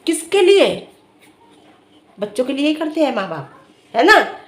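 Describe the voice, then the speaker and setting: A middle-aged woman speaks straight to her viewers in a high voice. She lectures earnestly about family duty, scolding and firing off rhetorical questions. The room around her sounds roomy and echoey. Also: sing-song, brisk, fairly bright tone. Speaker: vlogger commenting on another family's dispute. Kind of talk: direct-to-camera opinion commentary.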